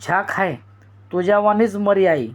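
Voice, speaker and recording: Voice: medium pitch, a little slow, natural voice. A storyteller voicing a jovial man on horseback who teases the villagers with banter. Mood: teasing. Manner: teasing banter. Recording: dull lo-fi recording.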